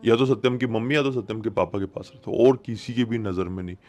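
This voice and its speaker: Speaking fast in a lowish, darkish voice, this channel host narrates a horror tale. He keeps things suspenseful yet conversational, leaning on repeated phrases, while music plays in the background.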